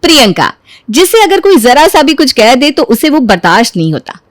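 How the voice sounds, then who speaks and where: A woman narrating a family story in an even, explanatory way. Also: sits high, no echo, clean studio sound.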